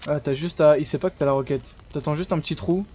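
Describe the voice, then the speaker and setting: A man's voice: on the high side, quick pace, dull audio. A man chatting casually and reacting live during an online game, using lots of slang, with a southern French accent. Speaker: gamer playing online with a friend. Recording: clearly noisy gaming mic with clicks.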